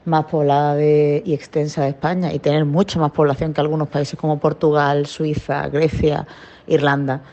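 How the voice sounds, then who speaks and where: A woman from Andalusia leaves a casual voice message, pausing often with fillers. Her voice is mellow, and the recording sounds dull and lo-fi. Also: deep voice, flat delivery. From Andalusia, Spain. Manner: hesitant, with many fillers. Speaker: listener sending a voice message.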